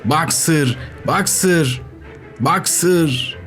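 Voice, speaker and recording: A man voicing a loyal, motherly mare who cries out desperately in a high, strained voice. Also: very slow, fairly bright tone, soft background music. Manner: crying out desperately.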